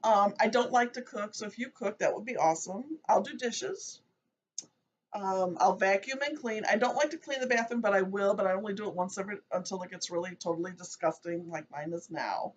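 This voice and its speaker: This fifty-something woman co-hosting a laid-back chat show from her seat at home talks briskly at medium pitch, wandering off on tangents and poking fun at herself. Recorded on a phone camera, the audio is dull and lo-fi, with a little hiss or hum.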